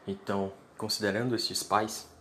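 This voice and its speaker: A man's voice: lowish voice, flat delivery, normal speed, a bit bright, slight background noise. A man delivering a blunt, lecturing solo monologue to his podcast listeners, speaking informally and bluntly. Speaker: podcast host.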